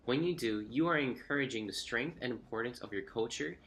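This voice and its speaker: A man's voice: mid-range voice, fairly quick, a bit bright. A young man from Miami reading an earnest, reflective personal story as scripted narration. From Miami, Florida. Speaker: student storyteller. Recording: faint music underneath.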